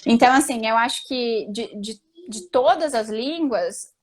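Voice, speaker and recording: This is a woman in her thirties, chatting casually on a live stream. Her voice sits high, and she talks in a chatty, emphatic way, full of fillers. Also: measured pace. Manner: chatty, emphatic, says "tipo" and "entendeu" a lot. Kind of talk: casual chat.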